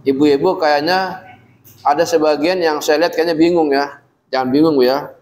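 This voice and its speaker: A man teaching Quran recitation rules to a class of women, patiently quizzing them and chanting the verses slowly. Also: on the high side, fairly even intonation, a little mellow, rough recording.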